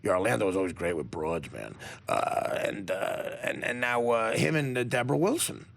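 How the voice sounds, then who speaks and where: A man's voice: lowish voice, animated, normal speed, gravelly. A man hosting a casual studio interview, rambling and stammering through his questions and laughing often. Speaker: talk show host. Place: radio studio.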